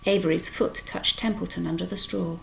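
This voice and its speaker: A woman reading a children's book aloud with expressive storytelling. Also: on the low side, brisk, gravelly, slight background noise, rough recording. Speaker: storytime reader.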